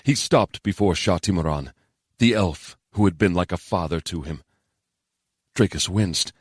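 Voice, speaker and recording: A man narrating a fantasy novel in a steady, measured storytelling voice on a close studio mic. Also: low-pitched, breathy edge, dry recording. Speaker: audiobook narrator.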